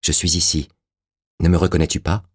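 A man's voice: deep voice, level tone, a little fast, husky, no room sound, studio quality. A man voicing a fierce, desperate young royal woman, speaking with urgent passion. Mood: pleading.

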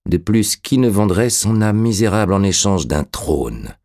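A man's voice: lowish voice, big pitch swings, measured pace, a little mellow, voice pushed up. A man voicing a cruel, cynical male nobleman who speaks in a scornful, mocking way in an audiobook reading.

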